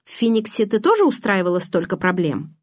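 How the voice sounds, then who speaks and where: A woman reading the lines of a guarded, brooding young man in a restrained, quiet manner. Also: mid-range voice, big pitch swings, fairly quick.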